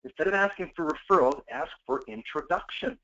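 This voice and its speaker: Peppy sales coach guy, kinda high voice, muffled conference call sound. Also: brisk. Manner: energetic, coaching, acts out quoted customers. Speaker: sales trainer. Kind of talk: webinar training talk. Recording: dull lo-fi call audio.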